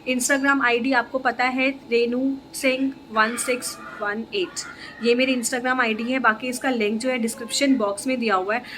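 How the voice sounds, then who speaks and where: A woman's voice: a little high, steady tone, normal speed, a bit bright, faint music behind. A woman vlogger chatting casually to her viewers, easygoing and thinking aloud as she talks. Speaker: lifestyle vlogger. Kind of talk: casual chat to camera.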